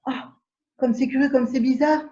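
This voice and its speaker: A woman playing a prim English lady in an absurdist stage scene, speaking in measured, repetitive exclamations of polite surprise over a video call. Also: sits high, fairly even intonation, mellow, close to an everyday voice. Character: prim English lady, mildly astonished, formal. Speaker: amateur actor. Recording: dull echoey room audio.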